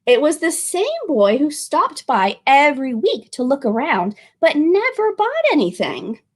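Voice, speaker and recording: Speaking to young listeners, a woman reads a picture book as a children's librarian would, expressively and stretching out words. Her voice is high and her pace unhurried.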